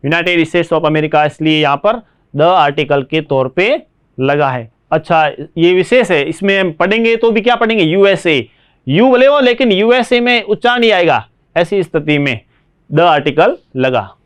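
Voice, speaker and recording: Higher-pitched Indian man teaching English. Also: animated, smooth. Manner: explains slowly, checks understanding with frequent rhetorical questions. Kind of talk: classroom lesson.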